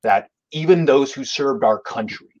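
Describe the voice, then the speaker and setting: A man speaking as an advocacy guest, earnest and halting. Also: medium pitch, darkish tone. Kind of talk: interview answer. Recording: dull lo-fi remote audio.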